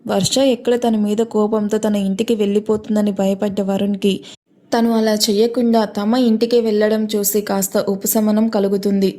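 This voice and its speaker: A woman narrating a serialized romance story in a steady, expressive reading. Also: medium pitch, moderate pace.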